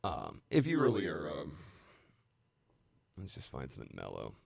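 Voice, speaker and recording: A man hosting a live stream from his music studio, rambling excitedly between stories and talk about his gear. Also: rumbling low, normal speed, gravelly, breathy edge, dry recording.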